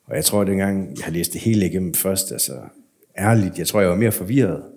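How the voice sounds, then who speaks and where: Deep husky-voiced man telling his story. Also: darkish tone. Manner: earnest storytelling with hesitant fillers. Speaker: interview guest telling his life story. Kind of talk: personal testimony.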